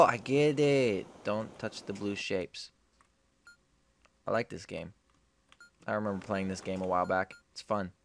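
A man's voice: low voice, vocal fry, a little hiss or hum. A young man giving casual gameplay commentary, repeating short phrases to himself. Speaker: gaming video host.

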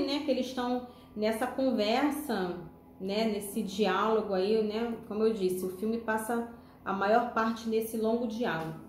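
A woman's voice: on the high side, a little mellow. Chatty woman, roomy echo. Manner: conversational, many tag questions. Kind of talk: spiritual film analysis.

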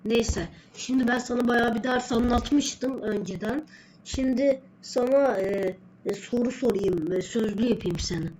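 A woman's voice: fairly high pitch, a little slow, darkish tone, slight background noise, close to an everyday voice, low-quality recording. A woman voicing a stern, bossy male schoolteacher who quizzes and scolds a pupil in a homemade skit. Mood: scolding. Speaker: social studies teacher character.

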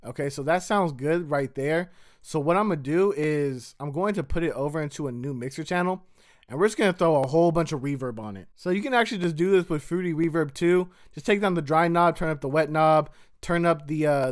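A man with a slightly high voice, talking casually and loosely like he's showing a friend his screen. He walks through each step in a relaxed, slangy way, recorded close on a desk mic. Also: a little fast. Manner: laid-back, slangy, talks through steps on screen. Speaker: music producer. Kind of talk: casual tutorial walkthrough.

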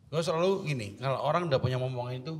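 A middle-aged man hosting a casual, joking chat, teasing his guests with loud banter. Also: mid-range voice, very fast. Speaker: show host.

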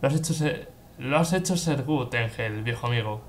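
A man voicing a solemn male angelic mentor turned traitor in a video game, speaking slow and grave in a lowered voice. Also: slight background noise, lightly acted. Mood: smug.

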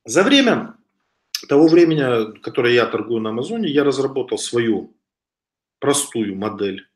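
Speaking at a medium pitch with big pitch swings and normal speed, a thirtysomething business instructor gives a slide lecture on his webcam. He's conversational, often hesitating and restarting, coughing slightly from a cold, in an echoey home room lined with wooden shelves.

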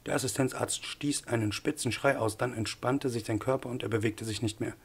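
Man narrating an audiobook, husky, measured, even pace. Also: medium pitch. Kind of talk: scripted narration.

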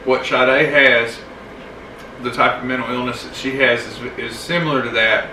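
Man co-host, casual vlog, bright tense tone, explains plainly, mic set back from him. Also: medium pitch, steady tone, normal speed. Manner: explains things plainly to viewers, supportive of partner. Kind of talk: casual chat. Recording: roomy echo, distant mic, faint background noise.

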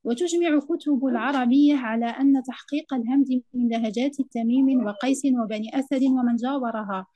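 A woman presenting an academic conference paper, reading it out in a measured, formal way. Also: high-pitched, warm tone, highs cut off.

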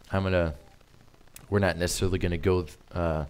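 A very low-voiced man preaching a sermon in an easy, conversational way. He stops and restarts often and fills his pauses with "uh" and "and", and his voice sounds a little strained. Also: level tone, a little mellow, clean tone. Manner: hesitant, many fillers and restarts. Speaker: missionary preacher.

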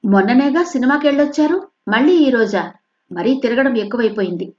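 A worried, strict middle-aged mother scolds in a sharp, raised voice, as a woman storyteller puts her on. Her tone is high and the recording sounds dull and lo-fi. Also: expressive, a little fast, natural voice. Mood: scolding.

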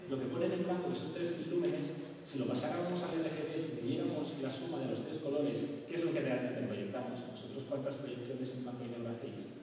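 A man's voice: on the high side, slight background noise. A middle-aged man with a Spanish accent from Spain giving a conference presentation on stage, quizzing the audience as he explains. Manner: lively, asks the audience questions. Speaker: conference speaker. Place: large hall with stage. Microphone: far camera, room mic. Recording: echoey hall from far off.

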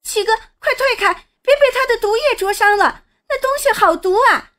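A woman voicing a panicked young swordswoman who cries out in a shrill, rushed voice. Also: expressive. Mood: frantic. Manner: frantic, rushed shouting.

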